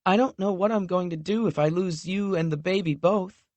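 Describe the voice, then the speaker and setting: Reading an audiobook a little fast, a man voices a vulnerable, emotional woman afraid of losing the people she loves. His lightly acted delivery is tearful, soft and wobbly, with a raised pitch, in a dry recording.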